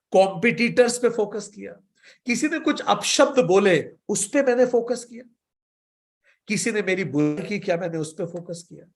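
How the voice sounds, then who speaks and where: High-voiced male yoga teacher. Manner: slow, measured recitation of sutras; teaching with stories and questions. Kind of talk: spiritual lecture.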